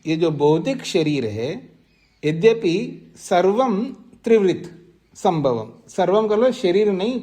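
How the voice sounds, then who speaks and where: A man teaching a class on scripture, reciting Sanskrit phrases slowly and explaining them, often asking his listeners questions. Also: sits high, mellow. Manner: slow deliberate explaining, recites and repeats Sanskrit terms. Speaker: teacher of Vedanta sutras. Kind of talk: scriptural lecture. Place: ashram class.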